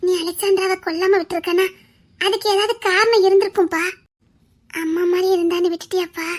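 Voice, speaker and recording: A woman's voice: very high-pitched, fairly even intonation, fast talker. An actress playing a loving grown daughter who soothes and pleads with her grieving father in a TV serial scene. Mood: soothing. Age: young adult. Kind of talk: TV serial acting.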